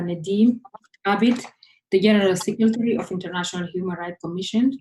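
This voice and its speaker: A woman's voice: on the low side, a little mellow, slight background noise. Hesitant woman host in an echoey room. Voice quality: hesitant, many fillers. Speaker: host and moderator. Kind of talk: formal welcome address. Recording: roomy echo.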